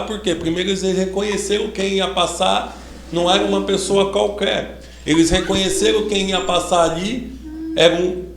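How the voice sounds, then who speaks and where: A man giving a sermon to a congregation, who starts with slow prayer and grows more fervent as he preaches. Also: high-pitched, gravelly, a little hiss or hum. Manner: prays slowly, then preaches with rising fervor. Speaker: lay preacher. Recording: echoey room with faint ambience.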